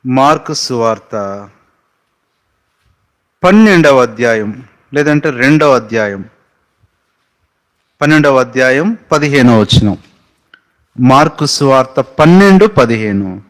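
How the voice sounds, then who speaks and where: Male pastor, measured sermon delivery, emphatic repeated questions. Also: mid-range voice, expressive, poor audio. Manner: preaching with emphatic rising questions and sung hymn lines.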